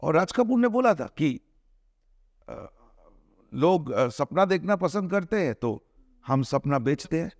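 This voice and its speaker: A man's voice: fairly high pitch, very animated, dry recording. Earnest argumentative man, dry close sound. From India. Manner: earnest, argumentative, with frequent restarts and drawn-out hesitations. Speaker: film director, interview guest. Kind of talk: conversational interview, mixing Hindi and English.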